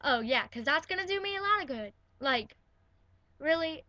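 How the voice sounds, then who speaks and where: A woman's voice: sits high, lively intonation, normal speed, bright, forceful tone, dry recording, lo-fi sound. A teenage girl ranting from her bedroom in an indignant, sarcastic way, filling her talk with "like" and "all right?". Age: teens. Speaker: vlogger. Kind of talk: ranting to camera.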